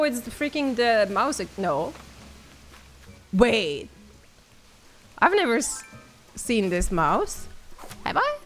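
A woman streamer with a somewhat high voice chats loosely with her viewers while she plays. She giggles and swears, and her attention keeps jumping. Faint music runs underneath. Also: fairly bright tone. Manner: giggly, profane, easily distracted, chatty with viewers. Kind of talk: live-stream game commentary.

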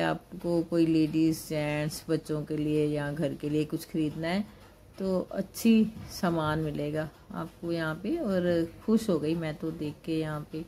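A grandmother vlogger, filming on a handheld phone, gives homely, casual narration of her family's trip to a busy indoor mall. She has a deep, warm voice, and slight background noise can be heard.

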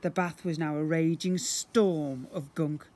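Outdoors beside brick houses, an expressive man reads a children's story aloud for young children, acting out the sound effects. His voice is on the high side at a measured pace, captured by a phone or camera about arm's length away.

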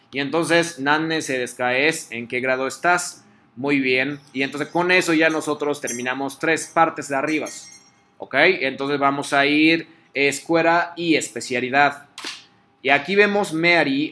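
A man's voice: medium pitch, pushed and bright, a little hiss or hum. A man teaching a class in Spanish, explaining patiently step by step and checking in with his students. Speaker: Japanese teacher.

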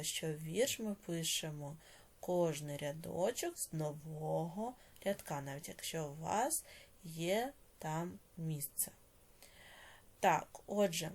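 A woman teaching a primary school language lesson, dictating words slowly and then explaining quickly, often dropping to a whisper at phrase ends. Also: fairly low pitch, gravelly. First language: Ukrainian.

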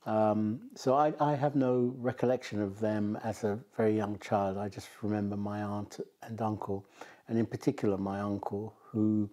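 Man in his sixties from Jamaica, mellow and lowish, measured and thoughtful; interviewee on a sofa. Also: little pitch movement. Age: 60s. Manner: measured, thoughtful, many ums. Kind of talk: reflective interview recollection. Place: bright living room with bookshelves. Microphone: seated on a sofa, filmed from the front.

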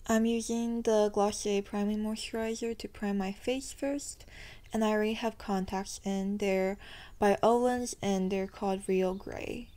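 A woman's voice: medium pitch, fairly even intonation, a little slow, dark tone. A young woman narrating her makeup tutorial in a chatty, self-deprecating voice-over, her sentences often rising at the end. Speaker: beauty vlogger.

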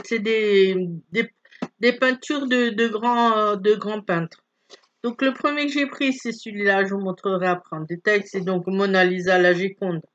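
A woman's voice: a little high, a bit bright, highs cut off. A middle-aged woman hosting a casual craft vlog, talking in a chatty, hesitant way with many fillers and restarts while showing products at home. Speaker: craft vlogger. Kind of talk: casual product show-and-tell. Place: at home, filming her hands.

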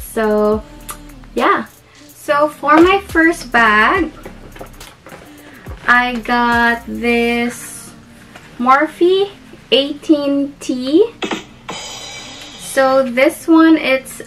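Her voice fairly high and a bit bright, a young woman from the Philippines chats through a beauty haul with a Filipino accent. She giggles often and fills her talk with ums and restarts.

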